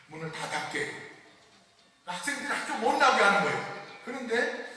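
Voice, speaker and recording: A man preaching a sermon as pastor, telling a story in an animated way and repeating key phrases for emphasis. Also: high voice. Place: church sanctuary. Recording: echoey church hall, mic at a distance.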